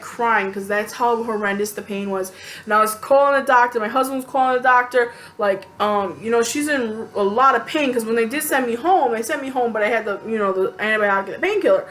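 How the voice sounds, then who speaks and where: A woman telling a personal story to camera in a casual, animated, chatty way, venting bluntly and acting out quotes. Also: fairly high pitch. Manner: animated, chatty, lots of fillers and acted-out quotes.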